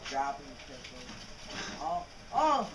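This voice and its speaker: A man playing a co-op shooter, frantic, often shouting for help and warning of enemies. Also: mid-range voice, wildly swooping pitch, takes it slowly. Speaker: co-op gaming partner. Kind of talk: casual gameplay banter. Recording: distant from mic, echoey and noisy.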